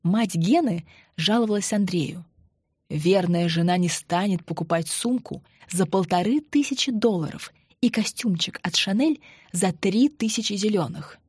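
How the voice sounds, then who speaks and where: A woman narrating an audiobook in a measured, matter-of-fact way. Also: mid-range voice, lively intonation, darkish tone, breathy edge, no echo, studio quality. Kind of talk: scripted narration.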